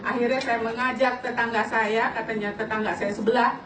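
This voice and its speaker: A woman in her late forties giving an animated personal testimony to an audience, laughing often and turning to address the listeners directly. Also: a little high, brisk, a crowd in the background. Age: late 40s. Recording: echoey hall, distant mic, audience around.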